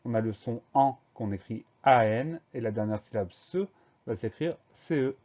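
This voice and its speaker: A man gives a spelling lesson for young pupils, breaking each word into syllables and spelling it letter by letter. His voice sits in a middle pitch with a mellow, relaxed tone. The recording sounds a little muffled and lo-fi. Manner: slow, careful letter-by-letter dictation. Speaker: teacher.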